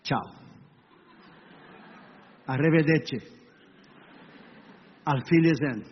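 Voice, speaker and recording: A man's voice: on the high side, very slow, husky. A male pastor preaching a dramatic sermon, telling the story emphatically and imitating sounds aloud. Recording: echoey hall, dull lo-fi sound, faint hiss.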